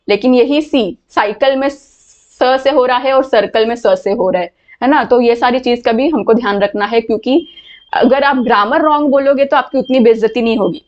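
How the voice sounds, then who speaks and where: An English teacher with a fairly high voice leads an online class lecture, explaining patiently and repeating words so students can hear how they sound. The audio is muffled and lo-fi.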